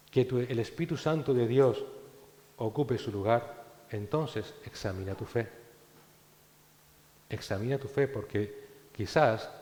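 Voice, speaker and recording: A man preaching a sermon as pastor, swinging between loud exhortation and hushed, low phrases. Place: church hall. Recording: echoey church hall with long reverb.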